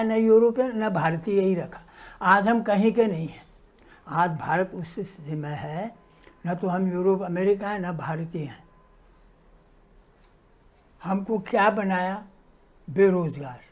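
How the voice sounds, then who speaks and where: A man's voice: high voice, a little mellow. A man giving impassioned social commentary, indignant and emphatic, piling up lists and rhetorical questions.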